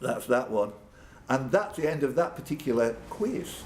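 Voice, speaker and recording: A man with a medium, darkish voice and wide swings in pitch hosts a live pub quiz indoors, speaking at a normal speed. He reads questions aloud, then drifts into off-the-cuff, jokey banter with the contestants. Pub room noise fills the background.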